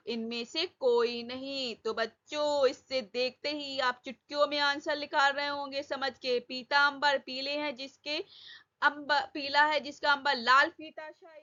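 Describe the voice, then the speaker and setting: A woman's voice: high-pitched, bright, forceful tone, dull audio. A woman teacher going through exam questions, asking her students each answer again and drawing out key words. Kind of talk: exam-prep lesson.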